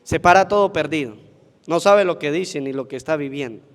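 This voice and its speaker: High-voiced priest preaching. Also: male voice, fairly quick. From Venezuela. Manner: asks the congregation questions and answers them himself. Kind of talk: sermon at Mass. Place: church. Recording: long church reverb.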